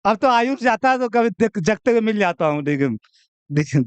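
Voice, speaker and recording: A man's voice: high voice, animated, moderate pace, smooth, no room sound. A young man teaching maths to a class, chatty and teasing, often checking in with "okay". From India. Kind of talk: classroom lecture.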